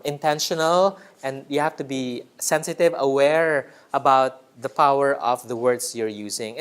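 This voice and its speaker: A man training a writing workshop in a room, teacherly, repeating key words and checking in with the group. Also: on the high side. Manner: teacherly, checks in with "right?" often.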